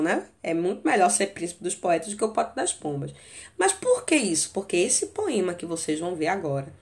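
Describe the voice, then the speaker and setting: A woman with a Brazilian Portuguese accent teaching a literature lesson, explaining step by step and checking in with short tag questions. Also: mid-range voice. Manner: reads verse aloud with emphasis. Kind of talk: recorded video lesson.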